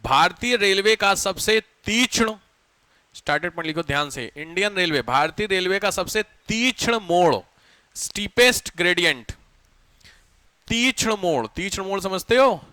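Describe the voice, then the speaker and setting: A male teacher giving a chatty geography lecture to a class, dictating notes slowly and asking students questions between anecdotes. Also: high voice, expressive, pushed and bright, clean tone, no room sound.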